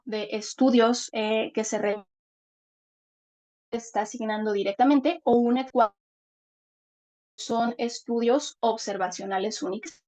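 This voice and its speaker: Give me a fairly high-voiced woman lecturing over a choppy, cutting-out video call. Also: a little slow, pauses often, a little mellow. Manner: explanatory, keeps checking if she is heard. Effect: choppy, cutting-out video call audio. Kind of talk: online class lecture.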